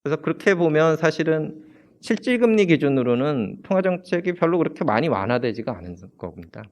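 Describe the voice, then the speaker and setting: A man's voice: fairly high pitch, sing-song, a little fast. A man giving an economics seminar presentation, explaining slides with many fillers and restarts.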